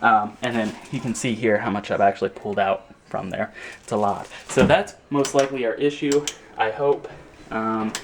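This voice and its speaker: A man's voice: lowish voice, slight background noise. A man casually explaining how he fixed his dryer, hesitant and full of fillers, at home by the machine. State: out of breath. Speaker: homeowner showing a repair. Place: home laundry area, indoors.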